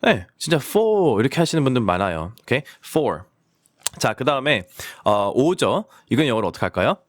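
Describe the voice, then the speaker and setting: A man teaching pronunciation in a casual video lesson, demonstrating words slowly and repeating them. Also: mid-range voice, big pitch swings, no echo, studio quality. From Korean-American. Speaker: English teacher.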